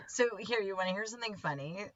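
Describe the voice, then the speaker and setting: A woman co-hosting a casual podcast chat, an animated storyteller who acts out quoted lines and laughs often. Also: medium pitch, muffled recording. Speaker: podcast co-host.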